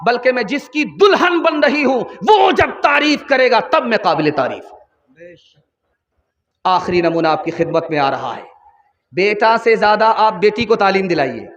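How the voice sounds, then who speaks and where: High-voiced preacher man, echoing hall. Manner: high, impassioned preaching, rising to shouts. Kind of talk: sermon at a religious gathering. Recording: dull reverberant public-address recording.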